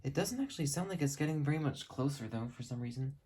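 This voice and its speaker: Here the hobbyist sounds animated and quick, the mid-range voice warm but a touch rough. It's an unscripted show-and-tell recorded indoors at home on a handheld camera, with the speaker behind it wandering off topic and correcting themselves.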